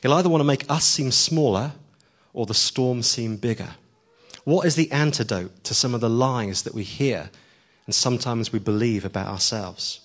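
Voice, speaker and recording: Man, preacher, sermon, earnest, emphatic, frequent ums, middle pitch. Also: normal speed, fairly bright tone. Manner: earnest and emphatic, rising to stress key lines, with frequent ums.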